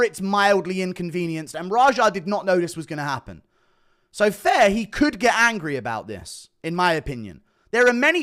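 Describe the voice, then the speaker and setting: A man's voice: sits high, fairly bright tone. A man giving emphatic, profane reaction commentary on a video clip, repeating quoted lines as he goes.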